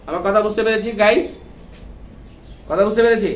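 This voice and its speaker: A man's voice: high voice, a little fast. A man teaching English letter pronunciation, quizzing his class with repeated questions. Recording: echoey room with faint noise.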